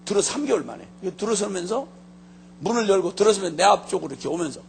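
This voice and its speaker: A man preaching with a high, gravelly voice. His pitch leaps all over as he tells lively stories and slips in comic asides. He sounds like a pastor working his congregation. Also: fast talker. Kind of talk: sermon.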